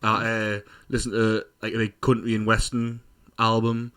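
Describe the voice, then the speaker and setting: A young man, co-hosting a podcast in relaxed, rambling chat with lots of fillers. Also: on the low side, normal speed, clear, resonant tone. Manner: laid-back, rambling with fillers, laughs often. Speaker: podcast co-host. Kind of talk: casual chat.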